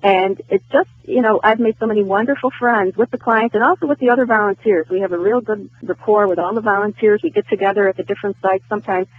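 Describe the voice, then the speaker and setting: A woman's voice: mid-range voice, fast talker, few pauses, breathy edge, dry recording. A woman calling in to a radio show as a volunteer, heard over the phone line, earnest and eager in casual talk. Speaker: caller, volunteer. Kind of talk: casual call-in chat. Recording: tinny dry phone line.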